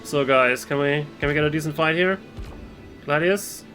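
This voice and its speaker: A man's voice: a little high, normal speed, pushed and bright. A man casually commenting on his own gameplay, rambling and hesitant with frequent restarts. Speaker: gaming video host. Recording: game music clearly behind voice.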